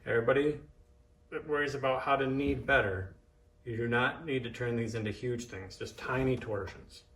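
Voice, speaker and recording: A man's voice: medium pitch, steady tone, normal speed, a bit bright. Man teaching hands-on from across an echoey room. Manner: informal, thinking aloud, coaching in short cues. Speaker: massage therapist and instructor. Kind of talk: casual hands-on demonstration, instructing. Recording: echoey room, distant microphone.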